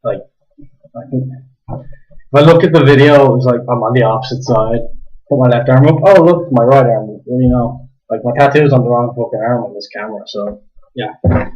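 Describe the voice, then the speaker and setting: A man's voice: mid-range voice, normal speed, mellow. A young man with an Irish accent, slightly drunk, rambling casually through a review, swearing and correcting himself while keeping his voice down in a kitchen. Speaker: manga reviewer. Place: home kitchen at night. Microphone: webcam microphone. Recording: dull lo-fi webcam audio.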